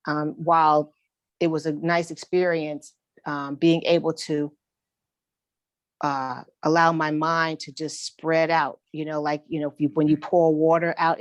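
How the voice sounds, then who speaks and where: Deep-voiced woman, calm and reflective. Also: no room sound. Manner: slow, reflective, loosely rambling. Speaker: meditation group participant. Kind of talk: casual sharing on a group video call.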